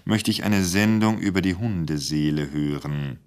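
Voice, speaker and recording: A man reading aloud and voicing a soft-spoken, domineering male radio director. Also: fairly low pitch, lively intonation, moderate pace, pitched above the performer's own voice. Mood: smooth.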